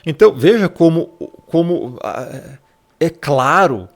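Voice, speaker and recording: A man's voice: fairly high pitch, lively intonation, slow. A man explaining scripture in a casual Bible study, talking conversationally and checking in with his listener as a brother. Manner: conversational, peppered with tag questions, addresses listener as brother. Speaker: Bible teacher.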